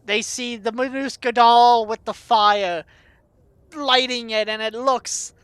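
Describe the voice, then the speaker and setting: A woman's voice: a little high, steady tone, slow pace, clean tone, no echo. A woman narrating as dungeon master, chatty and loose, with frequent laughs and fillers. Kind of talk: narrating a tabletop game.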